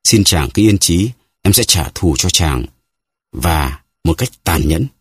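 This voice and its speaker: A man voicing a scheming, seductive noblewoman who speaks softly and tenderly in an audiobook. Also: low-pitched, animated, slow, breathy edge, dry recording, clean studio sound, full character voice. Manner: soft, cooing, pleading.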